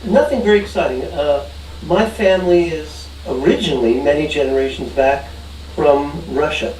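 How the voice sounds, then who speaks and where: A man, a guest in a casual group chat, telling a story with dry humor and hesitant pauses. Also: fairly high pitch, reverberant, recorded from a distance, a crowd in the background, poor audio. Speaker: guest, communication expert.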